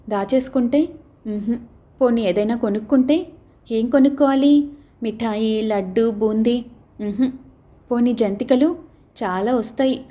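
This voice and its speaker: A woman's voice: fairly high pitch, dark tone. A woman narrating a novel aloud as an audiobook reader. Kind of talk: scripted narration.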